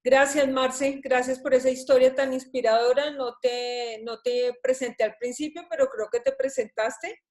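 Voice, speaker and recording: A woman hosting an online talk, wrapping up with thanks and announcements in a friendly, halting way. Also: sits high, fairly even intonation. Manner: warm, thankful, restarts often. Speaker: host of an online talk series. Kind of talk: casual live closing remarks.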